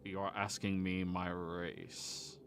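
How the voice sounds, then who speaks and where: A man voicing a creepy, lanky, quietly friendly last survivor of a dead race in a tabletop game, soft-spoken and deliberate, with phlegm in his throat. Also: deep voice, level tone, a little hiss or hum, exaggerated voice. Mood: creepy, guarded.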